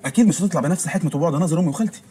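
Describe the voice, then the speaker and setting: An actor doing a gloomy, dependent young man, film comedy, whiny, very fast, music behind. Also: a little high, warm tone, close to an everyday voice. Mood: mopey. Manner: mopey, repeats himself.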